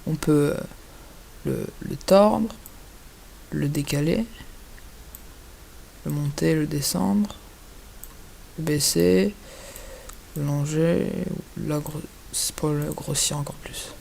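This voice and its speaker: A man giving a casual, hesitant software tutorial over a screen recording, filling his pauses with little interjections. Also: a little high, gravelly, slight background noise. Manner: hesitant, chatty, fills pauses with "hop" and "voilà".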